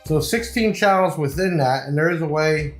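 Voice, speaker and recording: A man with a slightly high voice speaks at a moderate pace while giving a casual, off-the-cuff product review. He explains things informally, much like a salesman, in an echoey room with faint music in the background.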